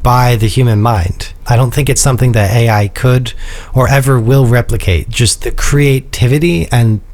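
A man's voice: mid-range voice, steady tone, moderate pace, darkish tone. A young man, a music composer, answering interview questions casually and enthusiastically. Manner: casual, filler-heavy, enthusiastic.

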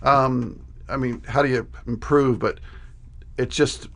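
Casting: male interview guest, 60s, middle pitch, informal storytelling. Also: fairly even intonation, slow pace, fairly bright tone. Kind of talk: casual conversational recollection.

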